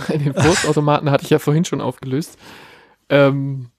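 A man's voice: on the high side, fairly even intonation, normal speed, darkish tone, breathy edge, no echo, clean studio sound. A man in his thirties, co-hosting a podcast, telling a story casually with many fillers. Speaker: podcast co-host. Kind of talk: casual chat.

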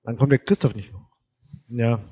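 A man co-hosting a casual podcast with a husky, cold-roughened voice. He talks in a lively way and climbs in pitch when he gets going. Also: moderate pace. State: hoarse from a cold. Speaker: podcast co-host. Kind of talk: casual chat.

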